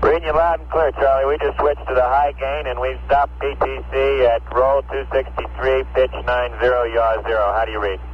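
A man speaking as an astronaut from a spacecraft over a radio link, calm and clipped, with dry humor. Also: medium pitch, moderate pace, few pauses. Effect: voice heard over a radio link. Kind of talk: space-to-ground radio exchange. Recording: muffled lo-fi radio with faint hiss.

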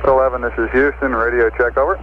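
A man's voice: mid-range voice, flat delivery, fast. A man working as a mission control radio communicator, speaking in clipped military-style procedure over a crackly radio. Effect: radio transmission. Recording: narrow, very noisy crackly radio link.

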